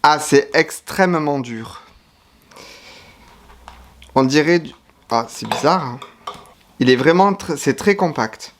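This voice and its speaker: A man's voice: fairly high pitch, animated, slow, pauses often. A man giving casual food-tasting commentary to camera, chatty and frank, sometimes talking while chewing. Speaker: YouTuber tasting foreign food.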